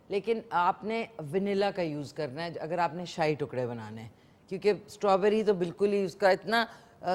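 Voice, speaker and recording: A woman's voice: medium pitch, darkish tone. Chatty woman host, live cooking demo, easygoing and talkative with viewers and callers. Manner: chatty, code-switching with English words, talks to viewers and callers. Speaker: morning show host cooking on air. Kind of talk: casual live cooking demonstration.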